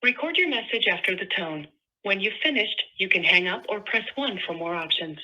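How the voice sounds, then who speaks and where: A woman's automated voicemail prompt plays over a landline phone in an even, mechanical delivery. The tone is bright and sharp, but the line is muffled. It sounds set back from the mic. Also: medium pitch, brisk.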